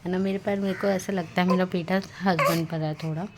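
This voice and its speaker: A young woman, a mother of twins, chatting casually at home in a vlog and speaking softly at times. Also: fairly low pitch, fairly even intonation, fairly quick, very noisy. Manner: chatty and affectionate, soft-spoken while babies sleep.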